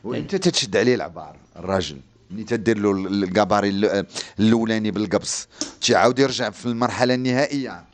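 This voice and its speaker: A man's voice: fairly low pitch, very fast. A man with a Moroccan accent interviewing someone conversationally, rephrasing his questions as he goes. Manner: rephrases questions, frequent backchannel murmurs.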